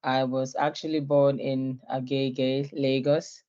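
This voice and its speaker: A woman's voice: extremely low pitch, little pitch movement, slow pace, warm tone, lo-fi sound. A young woman from Ghana, a guest in an online interview, introducing herself in a friendly way with many filler sounds and easy laughter.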